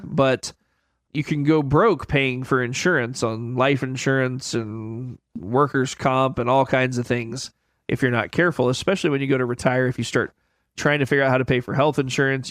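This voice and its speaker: A man's voice: mid-range voice, no echo, clean studio sound. Plain-spoken financial advisor man. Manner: plain-spoken, folksy, repeats key points. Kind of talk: conversational expert explanation.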